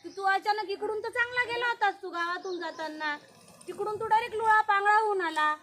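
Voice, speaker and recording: A woman's voice: very high voice, a little fast, a bit bright, a little hiss or hum, pitched above the performer's own voice. A woman voicing a puzzled male village grocer in a children's story, asking in surprise. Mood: surprised.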